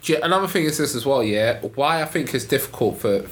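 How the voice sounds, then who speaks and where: A man's voice: mid-range voice, lively intonation, quick pace, fairly bright tone, a little hiss or hum. A man debating casually on a podcast, blunt and repetitive, firing off rhetorical questions. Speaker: podcast panellist and studio owner.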